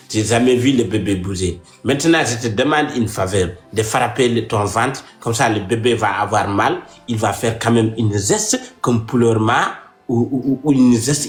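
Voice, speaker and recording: A man with a West African French accent in a comic couple-argument sketch, mocking and repetitive. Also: mid-range voice. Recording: roomy echo with faint music.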